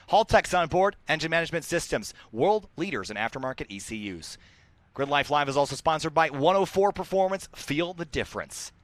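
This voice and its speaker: A man's voice: a little high, fairly bright tone, dry recording. Young man hosting a race stream. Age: young adult. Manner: upbeat, reads sponsor list, frequent restarts. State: a little out of breath. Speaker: stream host. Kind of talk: live motorsport stream chat.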